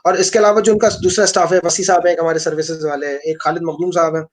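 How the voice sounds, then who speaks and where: A man from Pakistan, an engineering professor telling a story fast and rambling, with many restarts, in a live online interview. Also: a little high, flat delivery, a little hiss or hum. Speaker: engineering professor and lab director.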